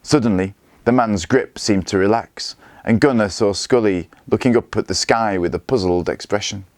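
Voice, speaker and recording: A male teacher reads a story aloud in a steady, clear storytelling manner. His voice sits low, and the recording is dry and close with no room around it. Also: normal speed, no room sound.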